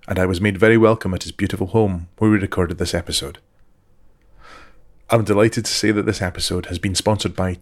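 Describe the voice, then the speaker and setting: Low-ish guy host reading his podcast intro, steady and careful, spells stuff out slow. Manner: measured, reads sponsor details slowly and clearly. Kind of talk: scripted podcast introduction and interview questions.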